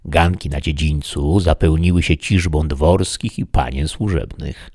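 A man narrating a classic novel as an audiobook in a measured, storytelling way. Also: very deep voice, a little mellow, husky, no echo, studio quality.

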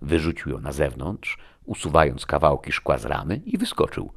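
Guy reading a story, super deep gravelly voice, lots of swing in his tone. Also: big pitch swings, normal speed. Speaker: audiobook narrator. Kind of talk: dramatic first-person narration.

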